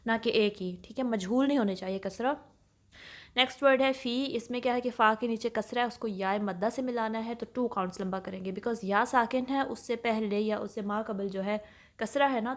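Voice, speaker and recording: A woman teacher with a Pakistani Urdu accent talks through a recitation lesson one sound at a time. Her voice sits a little high. She explains patiently and keeps checking that her students follow. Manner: patient, explanatory, mixes English terms, checks in often with "okay?". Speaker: tajweed teacher.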